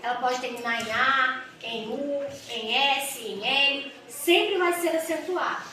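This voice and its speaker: High-voiced woman teaching grammar. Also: pushed and bright. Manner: explains step by step with rhetorical questions; stretches out example words slowly. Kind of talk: grammar lesson for exam students. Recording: echoey room with mic far off and noise.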